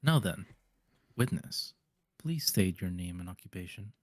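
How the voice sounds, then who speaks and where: A man's voice: sits low, animated, a little slow, no room sound, clean studio sound. A man voicing a solemn, formal, self-assured prosecutor in an amateur video game dub. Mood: commanding.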